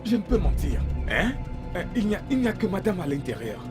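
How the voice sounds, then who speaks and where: A cowardly gateman in a dubbed film, a little high, stammering and pleading in panic. Film music plays under him. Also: very animated, fairly quick. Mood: panicky. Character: cowardly, fast-talking male gateman. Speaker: gatekeeper.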